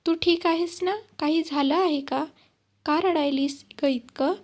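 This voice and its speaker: A woman's voice: high voice, fairly even intonation, a little slow. A woman voicing a caring nanny who comforts a crying young mother. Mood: concerned. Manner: soothing, motherly.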